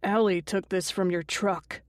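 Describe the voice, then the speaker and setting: A woman reading an audiobook voices an angry young man who shouts accusations while holding a gun. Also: medium pitch, steady tone, measured pace, dry recording, studio quality, close to an everyday voice.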